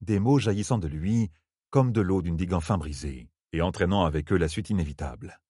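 Male audiobook narrator, low voice, dry close sound, expressive. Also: fairly quick, slightly rough, no echo.

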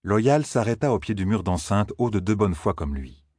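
A man narrating a fantasy novel as an audiobook, with a steady, expressive reading. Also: fairly low pitch, moderate pace, breathy edge, no room sound, studio quality.

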